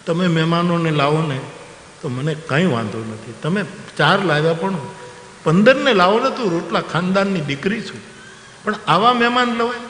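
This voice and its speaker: An aggrieved village wife pours out her complaint, pleading, as a male storyteller puts her on. The voice sits a little high for a man and rings through a roomy hall with a long reverb. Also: expressive, moderate pace, a bit bright, a little hiss or hum. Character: weeping village wife, grown woman, aggrieved.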